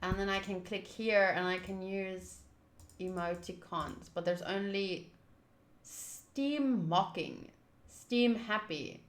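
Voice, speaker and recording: Talking slowly in a medium-pitched voice, a young streamer hosts a game livestream from home, casually chatting with her viewers and commentating. The sound is roomy, with a little hiss or hum.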